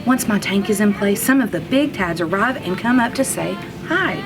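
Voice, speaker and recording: A kindergarten teacher with a mid-range voice reads a children's storybook aloud in first-person narration while music plays beneath her. She is expressive, stretching out words for emphasis.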